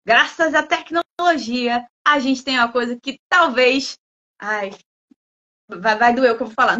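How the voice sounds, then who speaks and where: A woman from Brazil, a guest speaker who talks in a lively, playful way and acts out imagined students' lines. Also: high voice, lo-fi sound. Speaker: guest speaker, language school head. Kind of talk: lively talk in a livestream.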